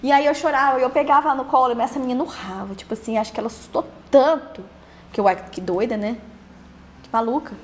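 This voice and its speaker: A young Brazilian woman telling her own story in a halting way, repeating words and trailing off. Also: sits high, a little hiss or hum. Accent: Brazilian Portuguese. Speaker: podcast host interviewed as guest. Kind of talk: emotional personal testimony.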